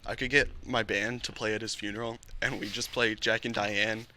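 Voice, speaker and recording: Young dude on a podcast, kinda low voice, dry jokes, faint hiss behind. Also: male voice, little pitch movement, moderate pace, bright, forceful tone, low-quality recording. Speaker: podcast co-host. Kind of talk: casual chat.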